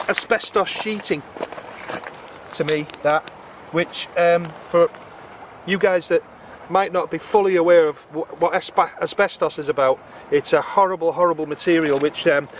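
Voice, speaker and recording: A chatty, excitable middle-aged man with a slightly raised voice, talking to his viewers outdoors by a river. He is recorded on a camera, with faint background noise. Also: a little high. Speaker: magnet fishing vlogger. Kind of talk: casual outdoor commentary. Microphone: camera on a tripod or handheld.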